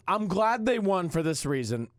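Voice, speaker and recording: A man co-hosting a football podcast in casual sports talk, animated, his voice hoarse from yelling and often clearing his throat. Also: sits high, unhurried, dry recording, clean studio sound. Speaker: podcast co-host, former player analyst.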